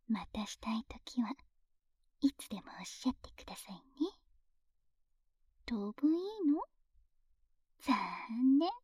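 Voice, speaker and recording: A woman playing a breathy, teasing young lover. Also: a little high, animated, slow pace, pauses often, dry recording, full character voice. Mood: cheerful. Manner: teasing, soft whispering close to the mic. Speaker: voice actress in an audio drama. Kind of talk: intimate whispered ASMR roleplay.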